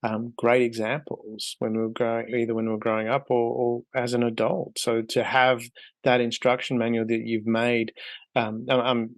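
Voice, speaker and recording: Australian male podcast host, gravelly, dry close sound. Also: mid-range voice, level tone, moderate pace, dry recording. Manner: rambling, restarts questions. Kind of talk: interview hosting.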